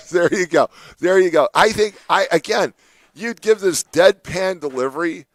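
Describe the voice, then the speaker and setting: This man hosts morning radio, chatting loosely in the studio with his co-host, laughing often and playing around with mock voices. He has a high-pitched voice and a measured pace, with no room sound in the recording.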